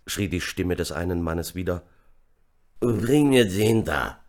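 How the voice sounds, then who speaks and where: A man narrating an audiobook in a measured, somber reading. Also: low voice. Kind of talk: scripted narration.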